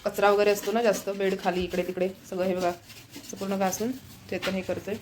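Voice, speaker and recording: Woman, home vlogger, chatty, mid-pitched voice, faint background noise. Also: level tone, fairly quick, a little mellow. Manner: chatty, keeps pointing viewers to things. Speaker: family vlogger. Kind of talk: casual home vlog narration. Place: home, indoors.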